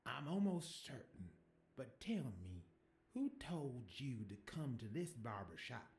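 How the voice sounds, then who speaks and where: An actress playing a composed woman running a barbershop in a video game, calm and probing. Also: rumbling low, unhurried, full character voice. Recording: roomy game audio.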